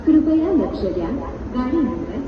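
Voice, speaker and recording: A woman making slow, measured train announcements over an outdoor station loudspeaker on a railway platform. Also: high voice, very animated, loud music behind the voice. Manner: slow, measured, repeating each notice in turn. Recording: echoey loudspeaker from far off, dull.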